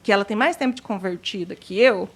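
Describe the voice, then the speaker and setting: A woman's voice: mid-range voice, fast talker. A woman telling her personal testimony as an interview guest, acting out the dialogue she recalls. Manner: retells scenes by acting out quoted dialogue.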